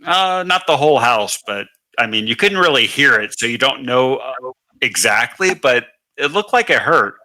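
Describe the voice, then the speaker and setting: Bright-voiced male game master. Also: medium pitch, animated, moderate pace. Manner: matter-of-fact, explains rules and outcomes. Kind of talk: narrating a tabletop game.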